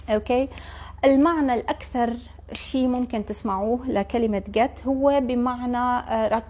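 A young woman with a Levantine Arabic accent teaching a live English class, chatty, and repeating English phrases slowly for her students. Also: a little high, darkish tone.

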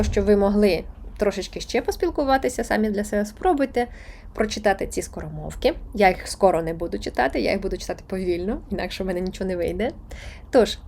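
A woman's voice: medium pitch, darkish tone. A woman teaching a beginners' Spanish lesson online, chatty and encouraging, laughing now and then.

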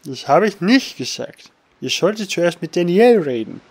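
A man voicing a smooth, guarded male informant in a pirate game, reading the lines aloud with animated delivery. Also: sits high, moderate pace, pitched above the performer's own voice, heavily acted.

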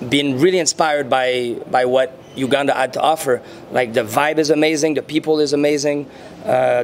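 Speaking English with a Quebec accent, a French-speaking Canadian man in his thirties, a muralist and rapper, gives a relaxed interview in a mid-range voice. He takes his time, hunting for words and saying "um" often. Handheld mics near his chin pick him up at an indoor venue in front of a painted backdrop, with faint noise in the background.

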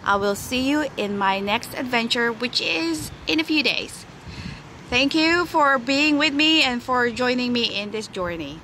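A woman blogger talking casually to her phone camera from a high hotel balcony, chatty and grateful, with fillers. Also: measured pace, sharp tone, slight background noise. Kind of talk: casual travel vlog. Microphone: phone held filming the view.

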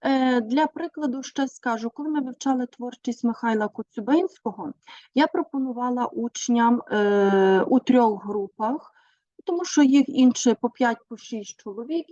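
A woman teacher giving a measured presentation on her teaching methods, pausing often with hesitations. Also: a little high, dark tone, no room sound. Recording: dull, dry recording.

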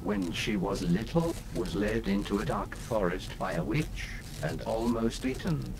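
A man's voice: medium pitch, animated, a little slow, vocal fry. A man voicing a theatrical, dryly ominous storyteller character in a video game. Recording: game audio with crowd noise.

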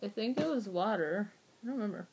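A woman's voice: mid-range voice, animated, quick pace, a little mellow, breathy edge, low-quality recording. A young woman in casual chat, with a blunt, teasing manner. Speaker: challenge video co-host. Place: small bedroom, indoors.

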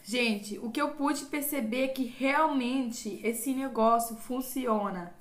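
Young Brazilian woman beauty vlogger, Brazilian Portuguese accent, unhurried and theatrical. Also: on the high side. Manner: dramatic, exclaiming, groaning in pain and laughing. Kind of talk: casual vlog talk to viewers.

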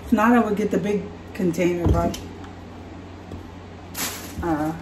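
A woman's voice: on the low side, measured pace, background noise. Chatty woman in an echoey kitchen. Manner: chatty, relaxed, self-correcting. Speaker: vlogger. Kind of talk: casual grocery haul chat. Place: home kitchen, indoors. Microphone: camera across the counter. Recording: echoey kitchen, camera from far off.

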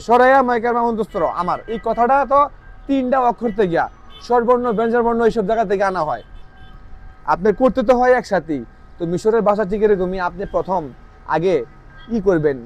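High-voiced man teaching informally. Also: lo-fi sound. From Bangladesh. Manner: explanatory, repetitive, asks listeners if they follow. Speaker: language teacher. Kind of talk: informal language lesson. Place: outdoors in a town.

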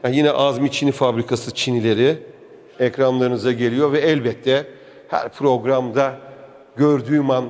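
A man's voice: mid-range voice, a little mellow. A man giving a chatty, enthusiastic walking tour, his voice echoing in an indoor museum hall. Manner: chatty, enthusiastic, addresses the viewer directly. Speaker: travel vlog host touring a museum. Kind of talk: casual walking tour commentary.

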